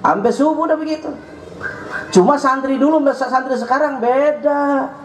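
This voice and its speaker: High-voiced Betawi preacher in an echoey hall. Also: male voice, normal speed. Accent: Jakarta Betawi. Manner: joking, rising to shouts at points. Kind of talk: sermon. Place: mosque or prayer hall. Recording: echoey hall with faint hum.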